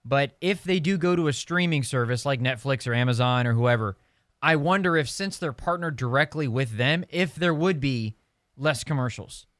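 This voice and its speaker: A man's voice: mid-range voice, normal speed, a bit bright, dry recording, studio quality. A man co-hosting a casual racing podcast, rambling with many restarts. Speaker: podcast co-host. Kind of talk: casual chat.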